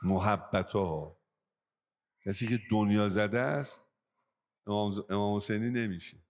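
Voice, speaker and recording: Gravelly-voiced male preacher. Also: fairly low pitch, darkish tone. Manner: emphatic, voice rising on key points; tells moral stories to the listeners. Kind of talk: religious sermon.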